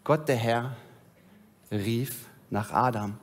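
A male pastor preaching a sermon, retelling scripture in a storytelling way and dropping low and soft at solemn moments. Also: slow.

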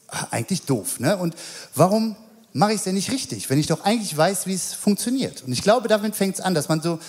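A man's voice: fairly high pitch, darkish tone. A man with children giving a casual, anecdotal sermon, chatting loosely with lots of fillers and "right?" tag questions. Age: adult with children. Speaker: lay preacher.

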